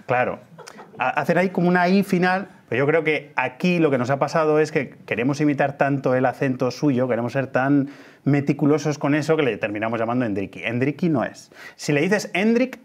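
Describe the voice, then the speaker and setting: A man's voice: medium pitch, a little fast. Guy in his 40s, guest journalist, explains stuff patiently, chuckles a lot. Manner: explanatory, laughs easily. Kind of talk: casual studio chat.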